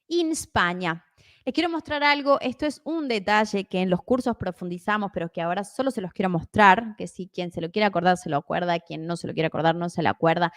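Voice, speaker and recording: A woman in her twenties with an Argentine accent, teaching a live online language class in a chatty, encouraging way. She slows down to spell out words carefully. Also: mid-range voice, no room sound, studio quality. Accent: Argentine Spanish. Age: 20s. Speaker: Italian teacher.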